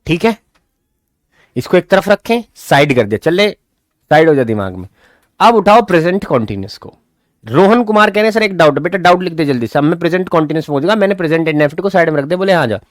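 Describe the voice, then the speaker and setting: A man teaching English grammar in a live online class, talking fast, then slowing right down to spell out English example sentences. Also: a little high, animated, no echo, studio quality.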